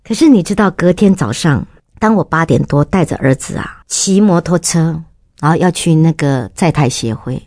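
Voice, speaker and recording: Animated woman telling a faith story. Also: moderate pace, dry recording, clean studio sound. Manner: lively storyteller, bursts into high excited pitch when reliving moments. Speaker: guest giving a testimony.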